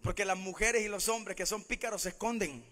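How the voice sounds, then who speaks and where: A man's voice: high voice, brisk, pushed and bright, long reverb tail. A Salvadoran man with a Salvadoran Spanish accent, preaching a sermon in church, who keeps calling out to the congregation as brothers and sisters.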